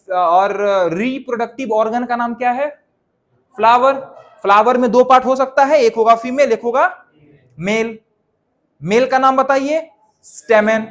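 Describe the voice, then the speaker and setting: High-voiced male teacher drilling a class. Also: a bit bright. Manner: drills students with call-and-response questions; scolds students sharply when they laugh. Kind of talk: classroom lecture. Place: classroom with students.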